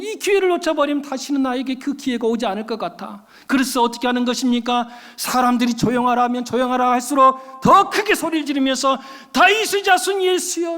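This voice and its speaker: High-voiced preacher in a reverberant church. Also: male voice, a bit bright. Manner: emphatic preaching, calling out to the congregation. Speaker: pastor. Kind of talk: sermon. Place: church sanctuary. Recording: long church hall reverb.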